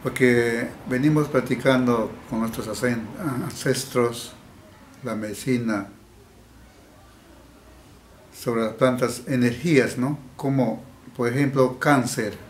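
Recorded indoors in an echoey room with a faint hiss, a healer from the Peruvian Amazon answers an interviewer. He talks slowly in a mid-range voice with fairly even intonation, halting, restarting, and repeating words often.

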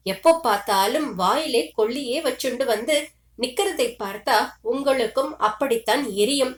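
A woman's voice: sits high, moderate pace, echoey room, natural voice. A woman voicing a grieving middle-aged mother who pleads and complains through tears. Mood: lamenting. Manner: tearful, pleading, bitter complaints.

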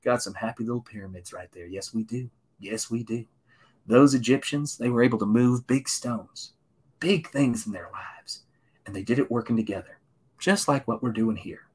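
A man from Tennessee talks his way through a painting on a live stream in a slightly husky, mid-pitched voice. His patter is gentle and reassuring, and he often drops to a near whisper while he works the brush. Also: normal speed. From Tennessee, USA. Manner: soft, gentle encouraging patter, often sliding into a hushed whisper.

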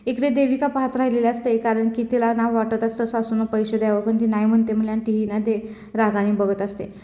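A woman's voice: a little high, level tone, brisk, mellow. A woman casually retelling a TV serial episode in a chatty, loose storytelling manner. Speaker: serial recap narrator. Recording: echoey room.

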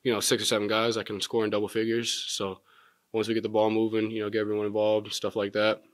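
A young man in his twenties, a college basketball player, answers postgame press questions in a measured way, filling pauses with many ums. His voice sits low and stays level, with little rise or fall. The sound is dry and close, from a table mic in a press room. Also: monotone, no room sound. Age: 20s. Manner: measured, many filler words. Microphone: table mic in front.

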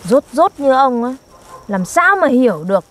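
A woman's voice: high-pitched, sing-song, normal speed, fairly bright tone. A young woman, performing in a scripted comedy skit and teasing and scolding her partner in an exaggerated way. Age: young adult. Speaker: comic actor.

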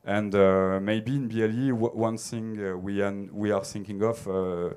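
A man's voice: on the low side, fairly even intonation, normal speed, a little mellow, clean tone. A man in his thirties with a French accent answers conference questions on a theater stage into a handheld mic, hesitant and full of filler sounds. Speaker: conference speaker.

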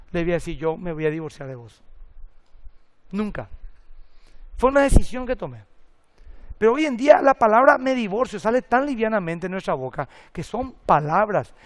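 A middle-aged man, a pastor preaching a sermon and telling lively stories with acted-out quotes and jokes. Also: sits high, brisk. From Paraguay.

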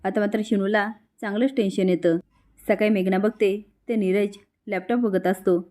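A woman narrator retells a television soap episode in a steady, even storytelling flow. Her voice sits at an ordinary middle pitch for a woman. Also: normal speed.

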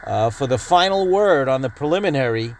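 The host of a radio-hobby video channel, a man with a mid-range voice, talks fairly quickly while running through a product's features in an informal, matter-of-fact way. It's a casual product announcement, with clear, steady background noise in the recording.

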